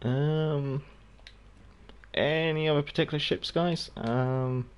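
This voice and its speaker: This gaming livestream features a South African man, Afrikaans his first language, offering casual commentary as he plays and answering chat by viewers' names. His voice is a little high and clean in tone, with fairly even intonation and a slow pace.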